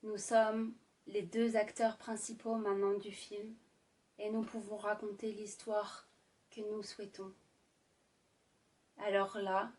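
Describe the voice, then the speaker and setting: A woman doing an ASMR role-play as a sultry, intimate ASMR narrator, speaking sensually to the listener with lingering pauses. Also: mid-range voice, a little mellow, far from the mic. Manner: slow, lingering delivery with deliberate pauses. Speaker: ASMR performer.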